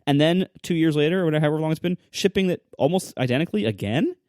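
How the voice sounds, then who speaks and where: A man's voice: a little high, expressive, very fast, darkish tone, no echo, clean studio sound. A man co-hosting a casual podcast, ranting with exasperation, full of fillers and short laughs. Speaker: podcast co-host. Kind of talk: casual tech podcast chat.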